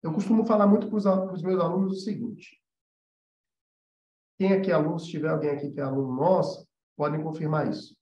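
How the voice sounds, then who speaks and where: A slightly high, somewhat mellow male voice with fairly even intonation moves at a fairly quick pace. The speaker, an animation mentor with a Brazilian Portuguese accent, gives a casual livestream lesson, explaining conversationally and often asking if his listeners are following. The room echoes and the sound is muffled and dull.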